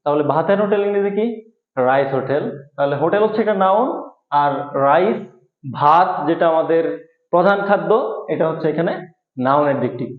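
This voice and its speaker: A man with a fairly high voice teaching a grammar lesson, explaining step by step and repeating each rule. His voice comes through a thin, phone-like band in an echoey room. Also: fairly quick, pauses often. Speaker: English teacher.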